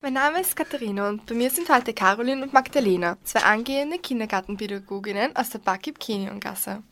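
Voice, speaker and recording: A woman's voice: a little high, animated, brisk, a bit bright. A young woman hosting a radio interview, reading formal questions from a script. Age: young adult. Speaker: interview host.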